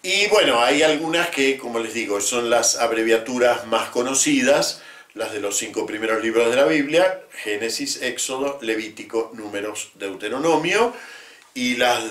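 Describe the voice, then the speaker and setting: A man teaching about the Bible in a measured lecture, often adding short tag questions. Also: mid-range voice, a bit bright. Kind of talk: explanatory lecture. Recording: roomy echo.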